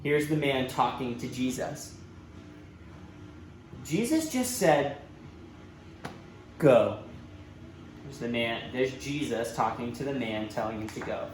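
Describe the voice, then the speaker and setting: A man reads a storybook to children at church, using a mid-range voice at a measured pace and lots of expression. He adds dramatic emphasis and speaks asides to his young audience. The room gives a roomy echo, with faint background noise.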